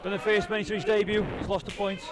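A man gives live cage fight commentary in a high-pitched voice. Very loud crowd noise surrounds him. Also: little pitch movement, quick pace. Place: indoor fight venue.

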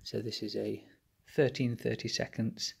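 Gravelly, husky man explaining engine work. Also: on the low side, level tone, measured pace. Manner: plain step-by-step explaining with fillers. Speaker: engine rebuilder. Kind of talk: workshop how-to narration. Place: indoor workshop bench.

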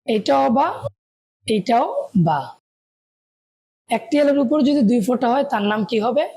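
A woman's voice: fairly high pitch, unhurried, dark tone, slightly rough. A woman teaching Arabic letters, patiently calling out each one and asking and answering her own questions. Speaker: Quran reading teacher.

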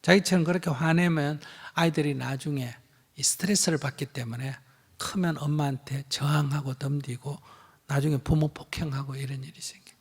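A man's voice: fairly high pitch, steady tone, normal speed, breathy edge. A man with a Gyeongsang accent, a Buddhist monk answering questions in a live teaching, blunt and emphatic, acting out bits of dialogue. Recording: hall reverb.

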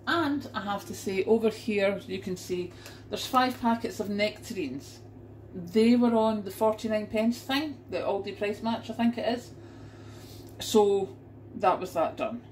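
A woman's voice: medium pitch, unhurried, a little mellow, a little hiss or hum, low-quality recording. A middle-aged woman from the UK chatting to camera in her home kitchen as she unpacks her shopping, exclaiming at the prices. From United Kingdom. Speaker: vlogger showing a grocery haul. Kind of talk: casual chat to camera. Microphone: camera pointed down at a kitchen counter.

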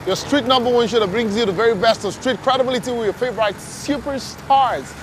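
A man's voice: very high voice, fast, a little hiss or hum. A young Nigerian man hosting a street interview, hyped and bantering with pidgin, recorded outdoors on a busy city street. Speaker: show host.

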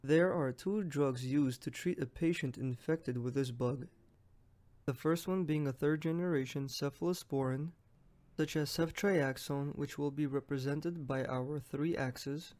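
A man's voice: fairly high pitch, a little mellow. Friendly young man narrating a lesson. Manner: friendly, explanatory voice-over. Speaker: medical exam tutor.

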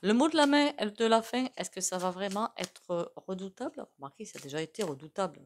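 A woman's voice: mid-range voice, lively intonation, brisk, a little hiss or hum. A woman with an accent reading tarot cards in a casual spoken way, full of fillers and asides. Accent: non-standard French accent. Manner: chatty, many fillers and asides. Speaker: tarot reader.

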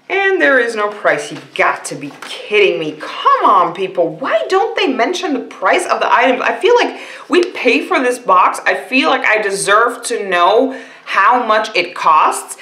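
A woman's voice: fairly high pitch, sharp tone, reverberant. A woman beauty vlogger chatting casually and rambling through a box unboxing, with frequent fillers.

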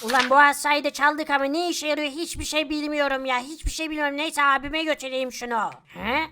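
A woman's voice: high voice, fairly even intonation, brisk, sharp tone. A woman voicing a dim younger brother who is a thief and whines to his big brother. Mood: whiny dim. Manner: whiny and rambling.

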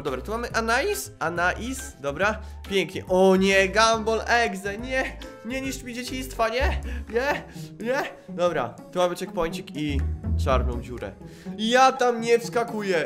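A young man giving excited gameplay commentary, screaming and laughing while talking to his viewers. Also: high voice. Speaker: gaming YouTuber. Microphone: desk microphone with webcam.

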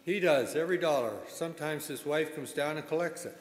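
Man, fairly high voice, matter-of-fact straight man, live stage comedy reading, echoey hall. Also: brisk. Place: small indoor stage in a hall.

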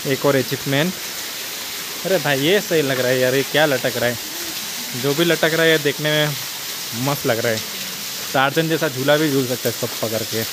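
A man in his thirties talking casually and excitedly into a phone at arm's length as he explores a foggy mountain road and a wet cave with waterfalls. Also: mid-range voice, normal speed, pauses often. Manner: excited, chatty, laughing asides. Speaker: travel vlogger. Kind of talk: casual travel vlog. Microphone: phone held at arm's length. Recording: loud waterfall and road noise.

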